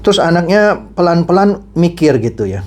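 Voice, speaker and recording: A man's voice: a little high, big pitch swings, normal speed, a little mellow. A man from Indonesia preaching, telling an illustration story in a conversational way before reading scripture. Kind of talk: storytelling sermon.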